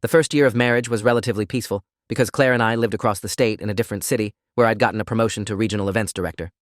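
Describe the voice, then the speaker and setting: A man narrating a scripted first-person story in a steady, even reading voice. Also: on the low side, racing, no echo, studio quality.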